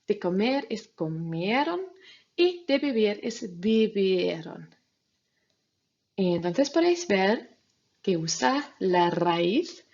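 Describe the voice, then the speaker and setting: A woman teacher speaks slowly and patiently, giving students step-by-step instructions in a recorded grammar lesson. Her voice is a little breathy and husky. The recording sounds somewhat dull and lo-fi. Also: mid-range voice, darkish tone. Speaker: Spanish teacher.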